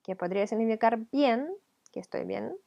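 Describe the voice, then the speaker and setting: A woman's voice: on the high side, normal speed, vocal fry, dark tone, lo-fi sound. A woman with a Ukrainian accent, a teacher explaining a video lesson patiently, step by step. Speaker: language teacher.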